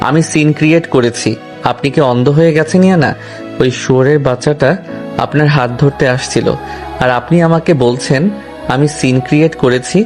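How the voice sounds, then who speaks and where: A man's voice: a little high, steady tone, brisk, close to an everyday voice. A man playing a possessive, hot-tempered nineteen-year-old husband who speaks intensely and threatens. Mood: angry. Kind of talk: audio drama acting. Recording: soft background music.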